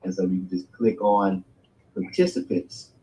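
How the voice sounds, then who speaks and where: A middle-aged man, a grandfather, giving a motivational business pitch on a video call, peppering his talk with "right?" and "guys" and hoarse from losing his voice. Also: fairly even intonation, moderate pace, warm tone, slight background noise, rough recording. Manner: hype, repeats "right?" and "guys".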